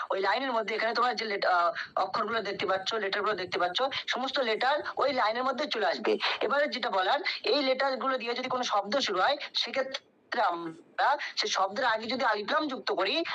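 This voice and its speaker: A woman's voice: on the high side, sharp tone. Patient woman teaching grammar, lo-fi sound. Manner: patient, repeats points, checks understanding with students. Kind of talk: online class teaching.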